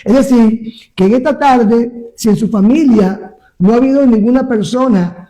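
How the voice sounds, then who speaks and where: A man's voice: extremely high pitch, normal speed, mellow, poor audio. A young man, a pastor and radio host, reading scripture emphatically and interviewing in a live-streamed radio program. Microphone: live stream via phone.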